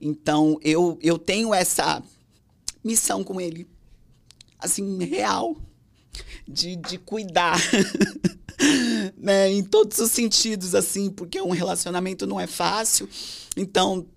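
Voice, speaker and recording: A Brazilian woman tells a personal story on an interview podcast. Her voice has a gravelly, fried texture. She slips into acted voices when she quotes other people. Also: medium pitch, takes it slowly, long pauses. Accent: Brazilian Portuguese. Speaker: guest.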